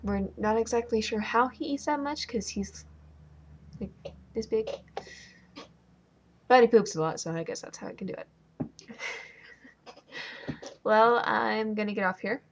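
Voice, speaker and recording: A woman's voice: fairly high pitch, measured pace, long pauses, lo-fi sound, slight background noise. A young woman casually ranting and rambling at home for her vlog, sarcastic and full of ums. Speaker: vlogger.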